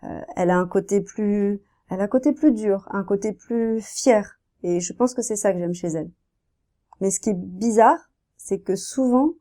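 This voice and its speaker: A woman in her thirties talks casually about her painting in an interview. Her voice is mellow and warm at a middle pitch, and she speaks softly, pausing with fillers and restarting her sentences. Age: 30s. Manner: soft-spoken, hesitant, many fillers and restarts.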